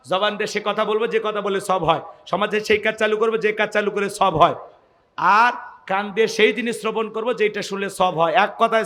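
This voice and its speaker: A man's voice: high-pitched, pushed and bright, long reverb tail. A man preaching a sermon, rousing the crowd with calls for responses and joking asides. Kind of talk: sermon at an evening religious gathering.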